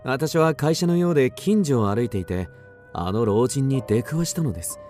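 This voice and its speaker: A man's voice: medium pitch, lively intonation, normal speed, a little mellow, faint music behind, natural voice. An actor playing an agitated, obsessed man recounting an eerie mystery in dramatic radio drama narration, with theatrical swings. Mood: ominous recounting. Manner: suspenseful, theatrical, with sudden swings.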